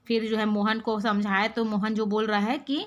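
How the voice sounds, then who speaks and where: A woman's voice: medium pitch, flat delivery, normal speed. A woman teacher reads a story aloud and retells it in simple words, often checking in with "है ना". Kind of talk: reading a story aloud and explaining it in class.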